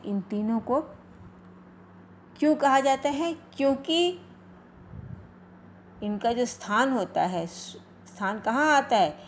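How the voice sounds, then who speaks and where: Slow, questioning woman teacher. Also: medium pitch, a little hiss or hum. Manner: slow, repetitive questioning, answers her own questions. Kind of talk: Hindi grammar lesson.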